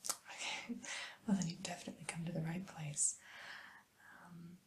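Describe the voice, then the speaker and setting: A woman whispering softly and soothingly as a spa receptionist in an ASMR roleplay, with gentle hesitant pauses. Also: lowish voice, level tone, a little hiss or hum. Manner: soft unvoiced whisper, slow and soothing.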